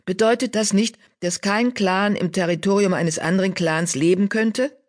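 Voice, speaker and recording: A woman reading an audiobook, voicing a male cat clan leader who argues in a measured, persuasive way. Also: mid-range voice, voice pushed up, close to an everyday voice.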